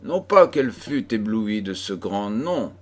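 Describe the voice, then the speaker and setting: A man narrating a classic novel as an audiobook reader, in a measured, deliberate way. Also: lowish voice, big pitch swings.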